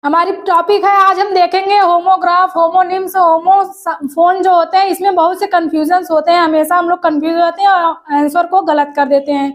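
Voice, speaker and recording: A woman teacher with a very high voice and fairly even intonation explains an exam-prep lesson step by step. She repeats key terms, poses rhetorical questions, and reads definitions aloud slowly.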